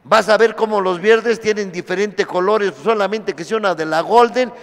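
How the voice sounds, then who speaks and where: A man's voice: sits high, moderate pace, gravelly, fairly bright tone. A man with a Mexican Spanish accent sharing his testimony at a recovery meeting, telling vivid, profane stories with rhetorical questions. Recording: long hall reverb.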